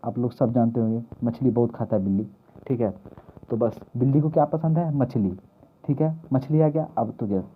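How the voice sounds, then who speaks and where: Here a husky, medium-pitched male voice at normal speed runs a mnemonic lesson for exam prep. His delivery is repetitive, and he asks himself questions only to answer them. It sounds thin and lo-fi, as if captured on a phone.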